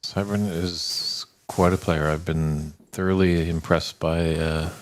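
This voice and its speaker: A deep-voiced man calls the snooker in a level, even tone that barely rises or falls. He breaks down the play calmly, with faint hiss behind him. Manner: measured, flat, analytical. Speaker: commentator. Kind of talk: snooker commentary and interviewing.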